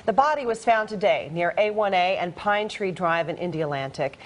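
A woman anchoring a local evening newscast, in a polished, even delivery. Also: fairly low pitch, moderate pace. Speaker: news anchor. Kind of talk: scripted news anchoring.

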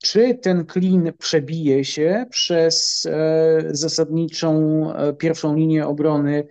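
A middle-aged Polish military analyst answers interview questions in a measured, halting manner, filling his speech with pauses. His voice is on the high side and a little mellow.

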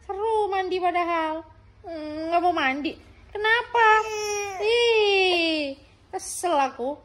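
A woman voicing a cheeky four-month-old baby boy in soft, babyish first-person chatter. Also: extremely high pitch, slow, voice pushed up, exaggerated voice. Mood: whiny. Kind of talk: playful voice-over for a baby.

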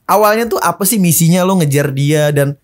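A man with a somewhat high voice hosting a casual podcast. He asks short, direct questions and keeps murmuring along while his guest talks. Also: fairly quick. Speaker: podcast host.

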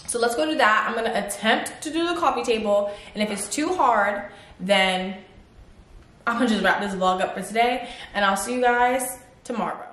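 A woman's voice: a little high, normal speed. Chatty young woman vlogging at home. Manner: chatty and excitable. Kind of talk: casual vlog chat. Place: apartment at home. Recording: echoey room.

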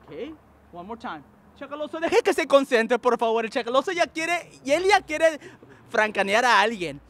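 High-voiced playful quiz show host man. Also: normal speed. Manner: animated, teasing, switches between Spanish and English. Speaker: game show host and English teacher.

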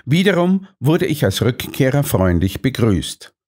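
A man's voice: mid-range voice, sing-song, unhurried, darkish tone, breathy edge. A man reading a story aloud as scripted first-person narration in an audiobook.

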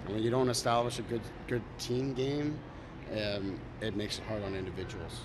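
A man in his forties, a head coach, fields reporters' questions at an arena media backdrop with recorders held up to him. His voice sits low with a flat, even pitch. Loud background noise runs under his measured, self-critical answers. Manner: measured, self-critical, frequent fillers and restarts. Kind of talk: post-game media scrum. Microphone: cluster of handheld recorders and mics.

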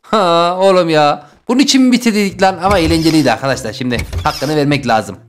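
A young man with a high voice commentates his game run, lurching from loud yelping outbursts to low mutters to himself. Faint game music plays behind him. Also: expressive, fast talker. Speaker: gaming YouTuber. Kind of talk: Let's Play commentary.

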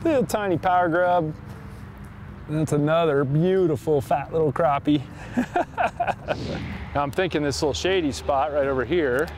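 A middle-aged man narrates his own fishing from a boat on a pond, chatty and excited and quick to laugh. His voice sits fairly high for a man. Faint outdoor noise carries behind him. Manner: excited, chatty, laughs often, talks to viewers as guys. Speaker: fishing show host. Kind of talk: on-the-water fishing commentary.

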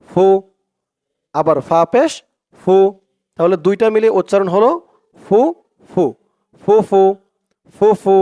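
Bangladeshi guy teaching quran letters, kinda high voice, says every syllable over and over real patient. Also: darkish tone. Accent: Bangladeshi Bengali. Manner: patient, repeats each syllable many times. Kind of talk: slow step-by-step lesson.

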